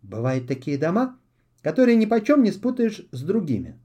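Lively high-voiced male fairy-tale narrator. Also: moderate pace. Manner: storytelling, theatrical. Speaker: audiobook narrator.

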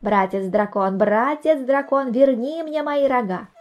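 A woman plays a stubborn storybook rooster with a shrill, shouting voice pitched well above her own. Soft music hums faintly under the reading. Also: normal speed, lo-fi sound, close to an everyday voice. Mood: sulking. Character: stubborn hot-tempered male rooster.

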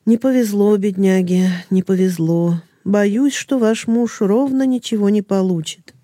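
A woman's voice: mid-range voice, measured pace, dark tone, no room sound, clean studio sound, close to an everyday voice. A woman voicing a weary, mud-spattered male laborer who brings bad news and talks plainly and sympathetically. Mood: sorry.

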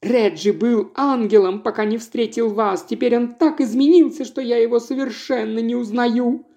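Shrill hysterical wife, voiced by a man. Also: measured pace, vocal fry, warm tone. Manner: shrieking, pleading, sobbing.

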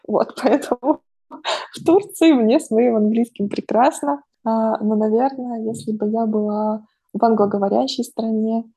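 This woman has a fairly high voice that is gravelly, mellow and slightly rough. A podcast-hosting psychologist, she talks casually at home, musing aloud with frequent fillers.

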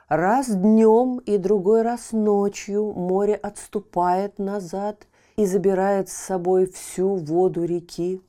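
Slow, mellow woman telling a bedtime story. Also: medium pitch. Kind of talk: scripted children's bedtime story narration.

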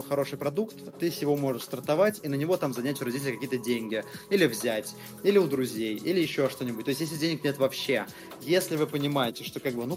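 A man in his twenties, a guest entrepreneur talking casually in an interview, slangy and swearing freely. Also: a little high. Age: 20s.

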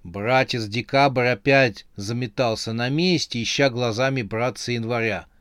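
A man's voice: mid-range voice, unhurried, a bit bright, clear, resonant tone, no echo, studio quality. Man reading a humorous tale. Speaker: narrator. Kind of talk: storybook narration.

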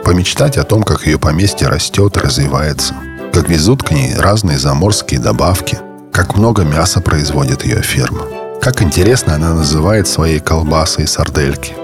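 A man's voice: very deep voice, lively intonation, moderate pace, music in the background. A man narrating a scripted children's story, addressing the listener as a storyteller.

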